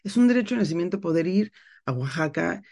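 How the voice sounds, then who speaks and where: A woman's voice: lowish voice, expressive, fast, gravelly, a little mellow. A middle-aged woman from Mexico with a Mexican accent, talking freely in a casual podcast monologue and often ending phrases with a questioning tag. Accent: Mexican Spanish. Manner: talks freely with slang, tags phrases with a questioning "¿no?". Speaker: podcast host.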